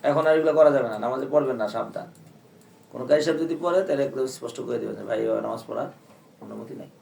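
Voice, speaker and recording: A man's voice: mid-range voice, racing, creaky, darkish tone. An older male teacher leads a Quran lesson. He recites verses and quizzes his students with blunt, teasing questions. He is recorded from a distance in an echoey room, with faint room noise behind him. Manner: colloquial, scolding teasing tone.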